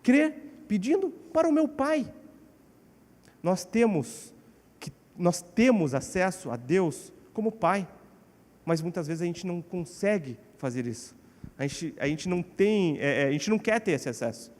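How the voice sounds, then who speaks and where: A man with a Brazilian Portuguese accent preaching a sermon in a church, animated and acting out quotes. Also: unhurried. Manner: animated, acts out quotes with shifting pitch. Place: church hall. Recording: church hall with long reverb.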